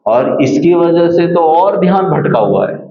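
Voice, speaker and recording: A man giving a spiritual talk to a live audience, slow and playful, acting out scolding mothers and children. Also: on the high side, expressive, a little hiss or hum. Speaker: spiritual speaker. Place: meditation center hall. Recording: echoey hall, slightly dull sound.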